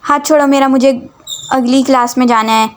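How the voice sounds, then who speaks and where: Woman voices irritable studious female student, high-pitched, scolding. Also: fairly even intonation, normal speed, smooth, close to an everyday voice. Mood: irritated. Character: studious young female university student, easily annoyed.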